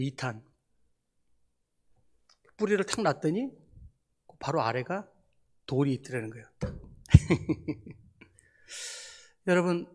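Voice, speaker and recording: A middle-aged man preaching a sermon as a missionary pastor, talking to the congregation in a casual, animated way and asking them rhetorical questions. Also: a little high.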